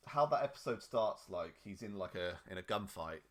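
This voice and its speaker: A man's voice: sits low, animated, moderate pace. A man co-hosting a casual podcast, slangy and full of fillers. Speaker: podcast co-host. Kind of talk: casual chat.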